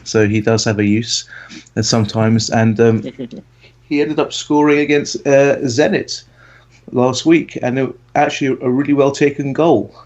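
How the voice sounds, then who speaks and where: A man in his late thirties from England co-hosts a casual football podcast, rambling hesitantly with plenty of ums. His mid-range voice is steady, unhurried and darkish, captured in dull lo-fi audio.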